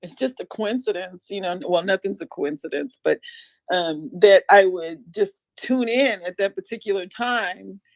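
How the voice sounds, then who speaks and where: A woman calling into a livestream chat, giggly and animated. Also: mid-range voice, moderate pace, gravelly, no echo, rough recording. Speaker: caller. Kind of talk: casual chat.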